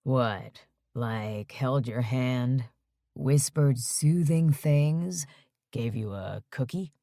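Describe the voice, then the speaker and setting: Lady putting on a low, slow teasing dude, sing-song, storybook voice. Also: dark tone, no echo, clean studio sound, full character voice. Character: teasing playful young adult man.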